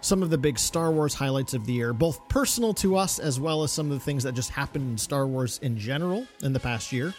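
A man's voice: mid-range voice, expressive, fairly quick, hardly any pauses, a little mellow, faint music behind. A man co-hosting a fan podcast in a casual, chatty style. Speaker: podcast co-host.

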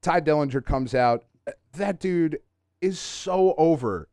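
A man's voice: a little high, slow, a little mellow, clear, resonant tone, no room sound, clean studio sound. A man hosting a podcast in casual chat, talking like an enthusiastic fan who swears freely. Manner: profane, enthusiastic fan talk. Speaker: podcast host.

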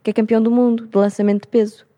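A woman's voice: fairly high pitch, rapid-fire. A young adult woman with a European Portuguese accent, co-hosting a casual podcast chat and telling stories with acted-out dialogue. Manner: animated storyteller, acts out dialogue. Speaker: podcast co-host.

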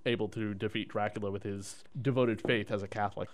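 A man's voice: lowish voice, brisk, slight background noise. A man co-hosting a podcast, chatting casually about movies and animatedly retelling scenes. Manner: animated, retells scenes and reads plot summaries. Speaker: podcast co-host.

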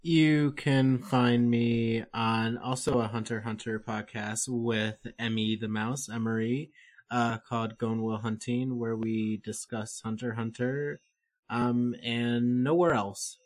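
A man co-hosts a podcast, chatting in a casual, conversational manner. His voice is medium-pitched, unhurried and flat in delivery.

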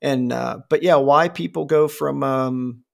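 A man in his forties chats casually in a gravelly, mid-range voice at a measured pace. He rambles, swears freely, and fills his talk with fillers and restarts.

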